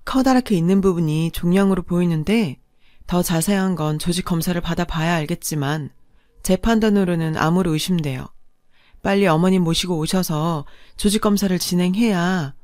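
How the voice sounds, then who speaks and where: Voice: medium pitch, moderate pace, a little mellow, no room sound, studio quality, close to an everyday voice. A woman voicing a formal, matter-of-fact doctor.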